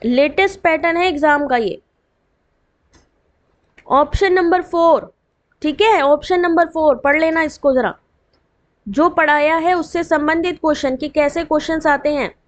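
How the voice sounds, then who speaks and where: A woman with a high voice teaches an online exam revision lesson. She reads each full form slowly and carefully, then drops into quick chatty asides to her students, with a dry throat. The recording sounds dull and lo-fi.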